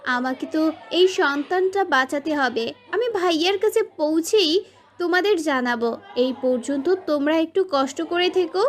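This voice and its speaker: A woman voicing an anxious, tearful young daughter in an audio story. She speaks softly and slowly, in a pleading tone. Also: high-pitched, voice pushed up, natural voice. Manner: soft, pleading, slow.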